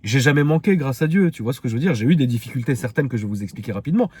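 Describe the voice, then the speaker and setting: A Parisian man in his thirties, an online video creator, rambles frankly to his followers in casual slang, sharing personal stories with a Parisian French accent. His mid-range voice is lively, racing, slightly mellow and husky, with no room sound.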